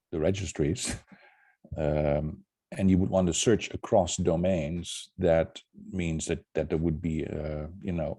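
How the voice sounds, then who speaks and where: Deep-voiced man thinking aloud. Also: dark tone, no room sound, clean studio sound. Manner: thinking aloud, casual, frank. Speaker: presenter. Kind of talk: video meeting discussion.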